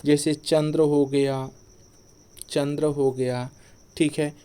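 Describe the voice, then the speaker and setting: A man's voice: mid-range voice, dark tone, clean tone. A man teaching an exam-prep Hindi grammar lesson, who repeats each point as a question to the class and then answers it himself.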